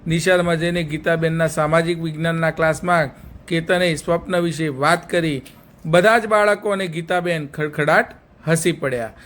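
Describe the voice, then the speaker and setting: A man's voice: on the high side, steady tone, normal speed, fairly bright tone. A male storyteller narrating a children's story and speaking directly to young listeners with a moral.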